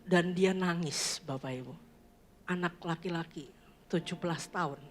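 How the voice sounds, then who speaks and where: A woman's voice: on the low side, moderate pace, slight background noise. A woman, preaching a sermon in a church. She tells stories and addresses the congregation, mixing in English phrases. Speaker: pastor.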